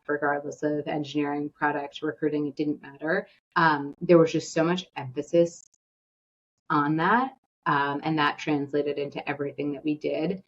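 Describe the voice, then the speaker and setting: A woman's voice: low-pitched, husky, highs cut off. A woman answering in a podcast interview, speaking enthusiastically with many "um" fillers. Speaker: executive search guest.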